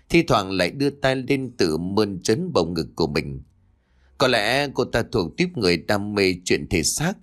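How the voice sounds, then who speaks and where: Low-voiced man telling a ghost story. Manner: lively, shifts voice for quarrelling characters. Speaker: narrator. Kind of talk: storytelling narration with acted dialogue.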